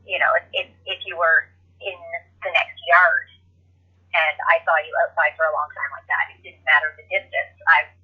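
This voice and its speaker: Husky-voiced woman chatting on a podcast, caring, keeps restarting sentences, dull lo-fi audio. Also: low-pitched, steady tone, moderate pace. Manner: caring, reflective, with many restarts. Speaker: podcast guest. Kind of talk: casual podcast chat.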